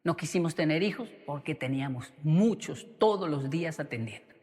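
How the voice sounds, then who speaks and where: A man voicing an eccentric, cheerful older Japanese male teacher who shouts with joy. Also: on the high side, lively intonation, normal speed, long reverb tail, lightly acted. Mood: confiding.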